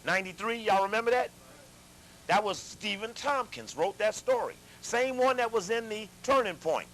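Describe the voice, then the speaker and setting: A man lecturing a live audience, animated, asking them questions and repeating himself as he talks. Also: high-pitched, normal speed, a little hiss or hum, rough recording. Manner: animated, addresses audience directly, repeats and restarts.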